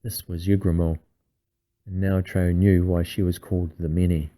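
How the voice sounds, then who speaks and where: A man reading a bedtime story aloud in an unhurried, hushed storytelling manner. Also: low-pitched, little pitch movement, poor audio. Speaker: reader.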